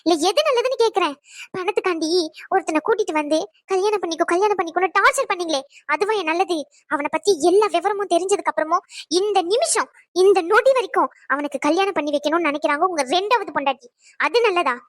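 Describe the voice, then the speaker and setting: Woman voicing a fiery squeaky young bride. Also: no room sound, studio quality. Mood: angry. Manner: sharp, indignant rapid scolding. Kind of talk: cartoon voice acting.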